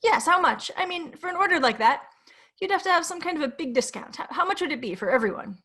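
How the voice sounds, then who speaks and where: A woman puts on a nervous middle-aged office clerk for a read-aloud story. His voice sits higher and louder than her narration, stammering and hesitant, tumbling over his words as if afraid to ask. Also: expressive, fast talker. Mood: anxious.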